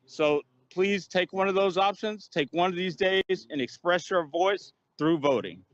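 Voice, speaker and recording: A man's voice: high voice, lively intonation, measured pace. A man giving a methodical announcement and listing details one after another. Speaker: community speaker. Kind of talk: informational announcement. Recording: dry, dull lo-fi sound.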